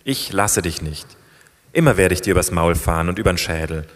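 Man reading stubborn young rascal, taunting, low voice, long hall reverb. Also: brisk, natural voice. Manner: taunting, shouting. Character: cheeky stubborn young man, mocking, defiant.

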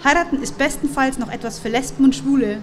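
A teasing, romantic young woman, as a reader plays her with a fairly high voice and a mocking edge. Ambient noise runs steadily behind. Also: fast talker, natural voice.

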